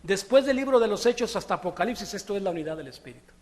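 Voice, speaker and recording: A man preaching a sermon, talking to his congregation in a conversational, animated way and asking them rhetorical questions. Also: sits high, rapid-fire, big-room sound. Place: church hall.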